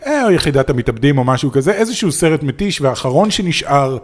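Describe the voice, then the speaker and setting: A man's voice: fairly high pitch, sing-song. Israeli-accented man, opinionated casual talker. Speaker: podcast co-host. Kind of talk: casual discussion.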